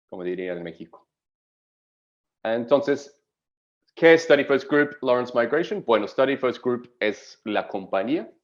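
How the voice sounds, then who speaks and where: An Australian migration agent, a native English speaker with a low voice, presents an explanatory webinar over muffled audio. He speaks haltingly, with lots of fillers and self-corrections, checking in with "¿ok?".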